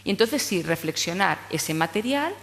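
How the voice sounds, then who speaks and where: Woman, conference lecturer, mid pitch, reverberant hall. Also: lively intonation, moderate pace, creaky, a little hiss or hum. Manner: explanatory, frequent tag questions. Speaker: speech therapy lecturer. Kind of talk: conference talk to teachers.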